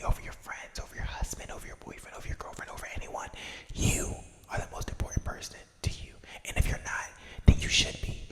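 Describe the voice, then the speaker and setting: Echoing ASMR whisper, gender unclear. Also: bright, forceful tone. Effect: echo effect on the voice. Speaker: ASMR video creator. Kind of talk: whispered ASMR rambling, casual personal chat. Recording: long echoing reverb on whisper.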